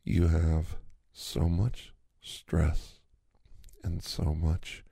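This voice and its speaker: Deep gravelly man, sultry ASMR whispers. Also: completely flat delivery, drawn-out words, no echo. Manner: soft, sultry, often whispered. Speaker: ASMR creator. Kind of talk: ASMR hand massage role-play.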